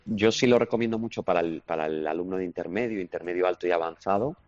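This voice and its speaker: A man's voice: deep voice, quick pace, darkish tone, no room sound, soft background music. A man, answering interview questions as a language teaching expert, confident and explanatory. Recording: slightly dull lo-fi recording.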